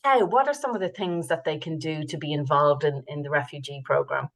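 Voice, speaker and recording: A woman's voice: deep voice, fairly quick. A woman hosting a webinar panel, praising guests and asking questions with many fillers. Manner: warm praise, filler-heavy, restarts. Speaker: webinar host.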